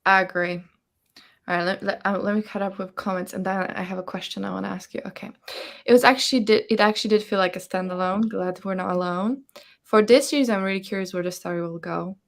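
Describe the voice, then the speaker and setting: A woman hosts a book discussion over an online livestream call, speaking fast in a creaky, mid-range voice with fairly even intonation. She chats casually, reads out viewer comments, and often acts out imagined reactions.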